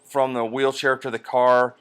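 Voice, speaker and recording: A man talking casually in a personal vlog, halting with drawn-out hesitations, sore and medicated as he rests after surgery. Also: mid-range voice, little pitch movement, fairly bright tone, smooth. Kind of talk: casual personal vlog, recounting his experience. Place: indoors at home on a couch by a window.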